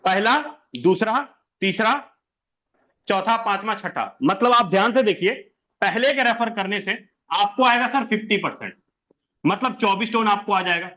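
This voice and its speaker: A man explains a plan in a high, bright voice, going over each step again and again. He asks himself questions and answers them, and the recording sounds a little dull. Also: normal speed. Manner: repetitive, asks and answers own questions, says "sir". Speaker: presenter explaining an income plan. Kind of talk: explanatory walkthrough of a diagram.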